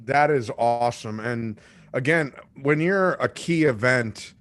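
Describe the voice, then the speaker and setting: Joking, animated man in his forties. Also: mid-range voice, a little slow. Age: 40s. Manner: animated joking storyteller with acted-out quotes. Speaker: fishing show host. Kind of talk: casual live-stream chat.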